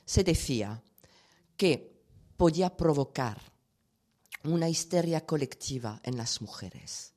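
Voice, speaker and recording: A woman speaking as a sexologist guest in an interview, explaining in an unhurried, storytelling and amused manner. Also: a bass voice, warm tone.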